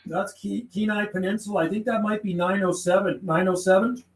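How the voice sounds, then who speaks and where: Speaking briskly in a steady, high voice, a man livestreams as a radio operator, chatting slangily between call signs and phonetic codes. The echoey room carries clear background noise.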